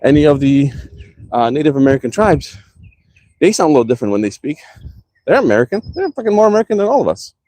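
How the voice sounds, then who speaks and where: A man's voice: a little high, big pitch swings, fast, long pauses, darkish tone, dry recording. A man with a slight accent, ranting heatedly and profanely in a casual vlog, talking from his car. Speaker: vlogger.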